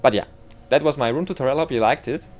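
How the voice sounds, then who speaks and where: A man's voice: medium pitch, quick pace. A man from Austria with an Austrian German accent gives a casual game tutorial, rambling a little and correcting himself as he works out the numbers.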